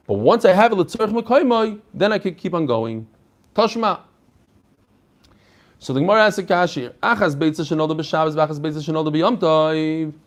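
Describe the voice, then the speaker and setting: In a fairly high, expressive voice and at a fairly quick pace, a man leads his daily Talmud class as a rabbi. The lesson is informal, conversational explanation sprinkled with rhetorical questions.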